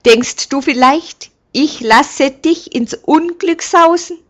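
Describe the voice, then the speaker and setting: Frau macht nen alten grauen knecht, brummig, laut und treu. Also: female voice, sits high, slow, pitched above the performer's own voice. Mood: grumbling. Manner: gruff, grumbling, emphatic. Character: old grey-haired male servant, loyal and grumbling.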